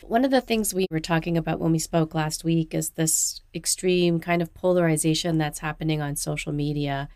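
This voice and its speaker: A woman hosting a podcast interview, gentle and sympathetic with her guests. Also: low voice, normal speed, few pauses, smooth, no echo, clean studio sound. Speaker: podcast host.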